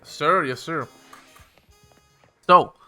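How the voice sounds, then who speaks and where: A young man with a bright, forward voice tells a long, meandering story in a loose, swearing, filler-packed way. Faint game music plays quietly behind him. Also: on the high side, drawn-out words, clean tone. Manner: rambling, profane, filler-heavy. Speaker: streamer telling a story. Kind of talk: casual storytelling while gaming.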